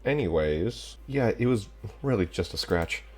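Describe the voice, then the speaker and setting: A man's voice: fairly low pitch, lively intonation, a little slow. A young man casually joking while he plays and reads through a game. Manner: jokey, irreverent. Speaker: let's play host.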